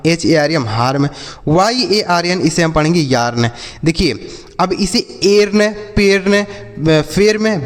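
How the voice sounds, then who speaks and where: A man teaching English phonics to a class, spelling words out slowly and asking the class questions that he answers himself. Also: fairly high pitch, in a large hall. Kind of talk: classroom lesson.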